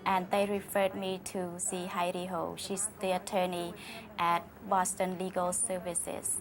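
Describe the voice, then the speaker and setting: Woman, client testimonial, sincere and flat, low-ish voice over guitar music. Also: a little slow. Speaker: legal aid client. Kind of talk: personal testimonial.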